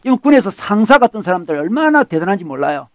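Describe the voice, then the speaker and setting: High-voiced Korean pastor preaching animatedly. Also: male voice, fast, no echo. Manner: animated, acts out quoted lines and asks the congregation. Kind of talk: sermon.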